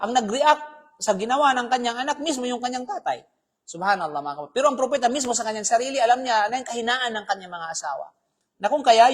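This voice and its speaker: A man giving a live Islamic talk as a preacher, speaking conversationally, often checking with the audience and mixing in English phrases. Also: very high-pitched. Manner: conversational, keeps asking "di ba?", mixes in English phrases.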